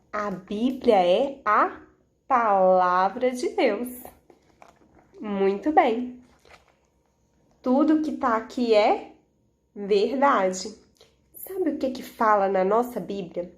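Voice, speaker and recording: A Brazilian woman teaches children in the manner of a kids show host. Her voice sits on the high side and she takes her time, speaking very slowly. She asks simple questions, repeats them, and leans on key words as she tells a Bible lesson. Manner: didactic, with emphatic key words.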